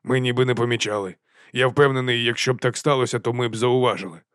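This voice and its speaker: A man voicing a gloomy, curt middle-aged watch captain in an audiobook, speaking slowly. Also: medium pitch, steady tone, fairly bright tone, clean tone, no room sound, clean studio sound, close to an everyday voice. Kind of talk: audiobook character voice.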